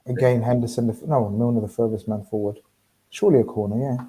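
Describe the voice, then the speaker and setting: A man's voice: mid-range voice, steady tone, fast talker, slight background noise. A man hosting a football watchalong, commentating live and chatting casually, with sweary reactions to the play. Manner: reacts out loud to the match, sweary. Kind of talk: live match commentary mixed with casual chat.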